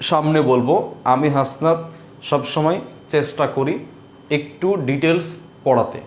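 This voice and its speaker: A man's voice: fairly high pitch, echoey room. A man teaching an online spelling class, asking questions and answering them himself in a patient, drilling way. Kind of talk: live class lecture.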